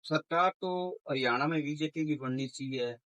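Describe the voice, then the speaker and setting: A farmer, answering a reporter firmly and plainly. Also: male voice, mid-range voice, moderate pace, a bit bright, low-quality recording. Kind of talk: street interview.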